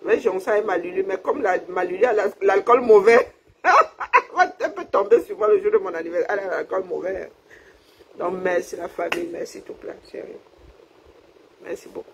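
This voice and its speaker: A woman's voice: mid-range voice, expressive, normal speed, vocal fry, a little hiss or hum, poor audio. A woman from Cameroon, chatting casually on a livestream, laughing often and thanking her viewers. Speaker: livestream host. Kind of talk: casual live chat with viewers.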